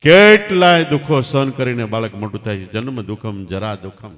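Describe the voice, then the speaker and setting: A man's voice: mid-range voice, normal speed. Emphatic man preaching. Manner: emphatic, rising and falling sharply in loudness. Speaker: spiritual teacher. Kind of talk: devotional storytelling sermon. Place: large hall at night satsang. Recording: long hall reverb.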